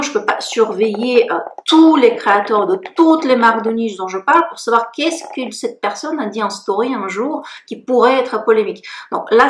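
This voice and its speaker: A French woman blogger giving a frank, chatty review of beauty products she has used up, blunt and self-mocking. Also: medium pitch. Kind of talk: casual talking-head review. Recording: echoey room with faint noise.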